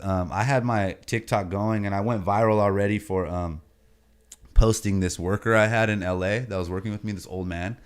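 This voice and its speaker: A man's voice: fairly low pitch, a little mellow, clean tone. A man talking as a podcast guest, a comedian telling stories in a laid-back, slangy way and leaning on "you know what I mean" and "bro" as he goes. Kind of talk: casual storytelling chat.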